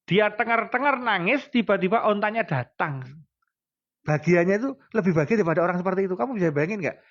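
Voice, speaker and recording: A male preacher with a Javanese accent giving a casual religious talk, telling stories with animation and acting out pleading prayers. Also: high-pitched. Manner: animated storytelling, acts out pleading prayers and quotes. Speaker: Islamic preacher. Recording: dull lo-fi recording.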